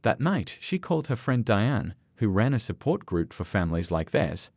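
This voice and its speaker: A man narrating a scripted story in a measured, expressive way. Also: lowish voice, dry recording.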